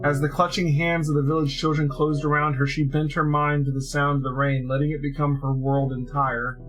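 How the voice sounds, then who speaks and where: A man streaming a game who reads a story aloud in a steady, measured way. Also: fairly high pitch, music in the background, low-quality recording.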